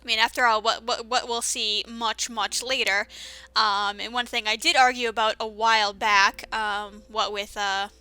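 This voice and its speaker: A woman's voice: a little high, steady tone, moderate pace, sharp tone, clear, resonant tone, no room sound. A woman giving casual, rambling commentary over a game playthrough, with many fillers and restarts. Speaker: let's-play commentator.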